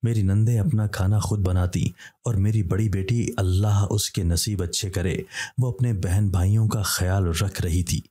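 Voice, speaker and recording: Low husky male horror-story narrator. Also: fairly even intonation, moderate pace, mellow.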